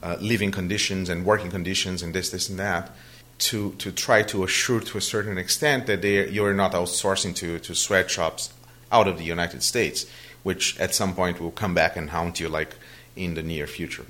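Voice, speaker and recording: This Brazilian man, whose native language is Portuguese, answers interview questions at normal speed with hardly any pauses, his low voice pushed and bright with fairly even intonation. Even so, he hesitates, relying on fillers and restarting sentences often.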